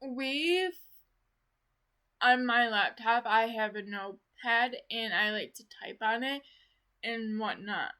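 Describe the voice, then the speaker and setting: A woman's voice: fairly high pitch, takes it slowly, bright, forceful tone, clean tone. A woman vlogger chatting casually, rambling with many "like"s and restarts. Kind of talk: casual rambling vlog chat.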